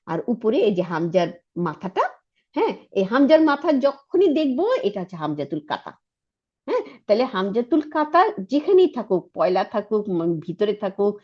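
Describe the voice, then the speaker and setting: A woman teaching Arabic grammar in Bengali with a Bangladeshi accent, checking understanding with frequent questions and repeating terms slowly. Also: fairly high pitch, a little mellow, husky. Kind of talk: explanatory grammar lesson. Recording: dull lo-fi recording.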